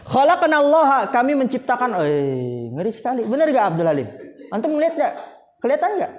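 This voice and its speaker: A man's voice: very high-pitched, big pitch swings, fairly quick, background noise. A man with an Indonesian accent teaching an Arabic grammar class, quizzing his students and laughing often. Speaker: Islamic boarding school teacher.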